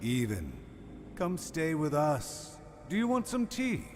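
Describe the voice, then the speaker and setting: A man voicing an eerily genial, insistent father in a video game, coaxing and slow. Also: a little high, huge pitch swings, exaggerated voice. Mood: eerily welcoming. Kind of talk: scripted video game acting. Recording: long reverb, background noise.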